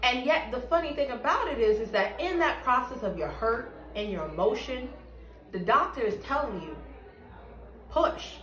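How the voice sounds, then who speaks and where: With a slightly high, bright voice and lively intonation, a woman at moderate pace gives an earnest, emphatic church testimony during an interview. Seated in a small room with bare walls, she's picked up by a distant mic that sounds echoey.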